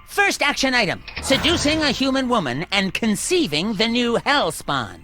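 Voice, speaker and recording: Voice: medium pitch, very animated, normal speed, close to an everyday voice. An actor playing a prim, self-important young prince of hell and ringleader, officious and pompous, in a video game. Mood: smugly triumphant. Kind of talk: video game character acting. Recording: music behind the voice.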